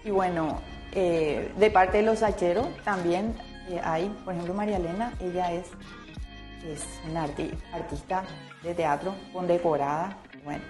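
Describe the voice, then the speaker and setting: A middle-aged painter from Paraguay, whose first language is Italian, chats casually as a guest on a TV studio set decorated with plants. Her voice is fairly low and a little mellow, at a moderate pace, full of fillers and restarts, with faint music in the background.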